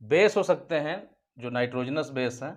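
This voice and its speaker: A man of medium pitch and normal speed teaches biology at a whiteboard to school students. He restates key points as questions and answers them himself, fondly calling the students "beta" again and again.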